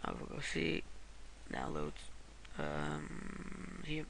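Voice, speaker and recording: Extremely slow and bass-voiced, with huge pitch swings, vocal fry, and a bit of brightness, a man from Croatia talks through a screen-recorded how-to. He rambles, often correcting himself and saying sorry, over a little hiss or hum.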